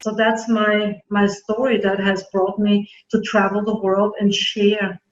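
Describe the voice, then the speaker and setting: A middle-aged woman from Germany, raised in Austria, telling her story in an interview, earnest and halting with many fillers. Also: medium pitch, level tone, a little hiss or hum. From born in Germany, grew up in Austria. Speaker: naturopathic doctor, guest. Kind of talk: casual interview talk. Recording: dull roomy audio.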